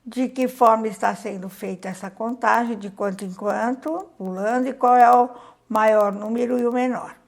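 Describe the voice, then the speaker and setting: A creaky, fairly high voice with a steady tone and moderate pace belongs to a Brazilian woman teaching young pupils at primary level. She reads a worksheet aloud, explains it, counts patiently out loud and asks the kids questions, speaking with a Brazilian Portuguese accent.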